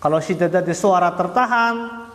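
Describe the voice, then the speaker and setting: Male teacher, fairly high voice, slow patient delivery, sounding out arabic letters, echoey hall. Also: fairly bright tone. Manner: slow, patient, repeats each point with drawn-out "ya". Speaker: Quran recitation teacher. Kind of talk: religious lesson. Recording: echoey hall, roomy reverb.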